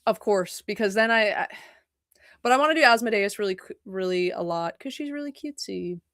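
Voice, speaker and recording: Talking casually to her livestream viewers from home, this young woman swears a lot, meanders, and keeps interrupting herself to apologize. Her voice is brisk, a bit bright, and of ordinary pitch, heard dry and close with no room sound.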